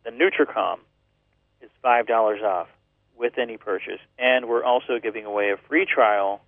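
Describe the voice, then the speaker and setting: A man's voice: mid-range voice, normal speed, dry recording. A man co-hosting a radio show, plainly announcing class times, a phone number and specials. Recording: narrow dry phone-like radio audio.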